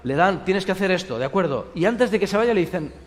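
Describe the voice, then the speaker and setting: Male pastor with a Spain Spanish accent, lively rhetorical sermon, higher-pitched voice, long hall reverb. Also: quick pace. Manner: lively preaching with rhetorical questions, dropping to a soft hush for quoted comfort.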